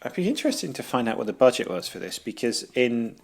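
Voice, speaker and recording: A man's voice: mid-range voice, sing-song, quick pace, vocal fry. A man co-hosting a podcast in a casual chat, talking dryly and wryly about a film, with touches of exasperation. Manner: dry, exasperated, wry. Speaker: podcast co-host.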